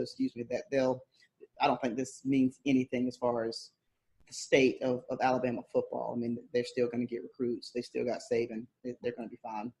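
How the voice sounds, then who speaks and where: A man co-hosting a casual sports podcast, chatty and quick to laugh, often restarting his sentences. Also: mid-range voice, a little mellow, rough recording. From American South. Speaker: podcast co-host.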